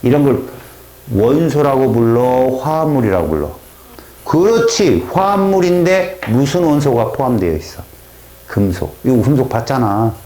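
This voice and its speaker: A man teaching a science class, lively and quizzing his students, imitating reaction sounds as he explains. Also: medium pitch, moderate pace. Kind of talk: classroom lecture. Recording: echoey classroom.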